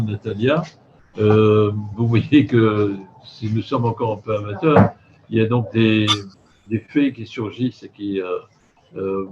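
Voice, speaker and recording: Halting older man, slightly slurred by loose dentures. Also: mid-range voice. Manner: halting, hesitant, courteous, with frequent long filler pauses. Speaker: host of a film festival video conference. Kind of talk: live event hosting, formal welcome. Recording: dull video call audio, faint noise.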